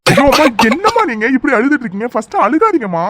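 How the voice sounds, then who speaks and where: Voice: medium pitch, brisk, natural voice. A voice actor playing a stubborn grown son, a doctor, who is firm in his decision but pleads with his family. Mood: insistent. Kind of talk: cartoon voice acting.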